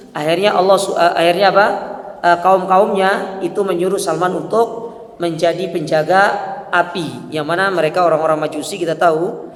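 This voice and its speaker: A man with a high voice gives a religious study lecture. He reads Arabic lines aloud, then explains them in everyday speech, often adding "ya". His voice rings with a long echo, as if he is speaking in a hall. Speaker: Islamic preacher. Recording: echoey hall.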